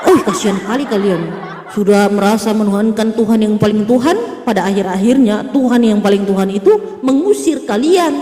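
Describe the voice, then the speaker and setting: A woman's voice: medium pitch, animated, normal speed, warm tone. A woman talking casually to viewers on a religious livestream, mocking and laughing often, speaking into a phone. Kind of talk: casual livestream debate talk. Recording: echoey room with long reverb and noise.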